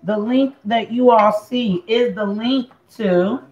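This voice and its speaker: Woman from puerto rico showing a recipe at home, slow unhurried chat, drifts off mid-sentence, roomy kitchen echo. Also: a little high, darkish tone, highs cut off. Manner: chatty, talks while cooking and chewing, drifts off mid-sentence. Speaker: home cook host. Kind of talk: casual cooking demonstration. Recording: echoey kitchen with faint ambient noise.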